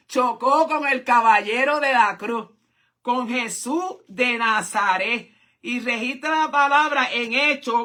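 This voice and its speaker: Fervent high bright woman preacher. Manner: fervent, frequent hallelujahs and drawn-out exclamations; conversational, checks in with "¿verdad?". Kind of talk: sermon.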